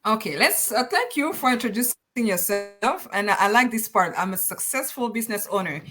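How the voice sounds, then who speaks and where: A woman from Congo hosting a live online business interview, encouraging and pausing often with fillers. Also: a little high, lively intonation, a bit bright. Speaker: host.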